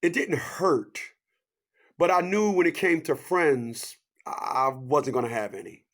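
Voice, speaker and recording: A fifty-something man delivers a preachy motivational monologue in a fairly high voice. He fires rhetorical questions and repeats his catchphrases, swinging hard between loud, lifted lines and low, hushed asides. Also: animated, measured pace. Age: 50s.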